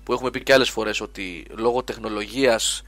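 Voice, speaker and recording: A man co-hosting a casual podcast about video games, explaining at length with plenty of quick repeated yeses. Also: on the low side, fairly even intonation, over music. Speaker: gaming podcast co-host.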